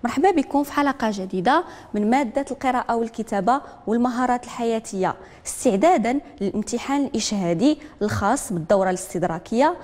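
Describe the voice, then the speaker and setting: A woman with a Moroccan accent teaching a literacy lesson, repeating each word slowly and calling on learners one by one. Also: on the high side, lively intonation, darkish tone, big-room sound. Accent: Moroccan Arabic. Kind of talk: broadcast classroom lesson.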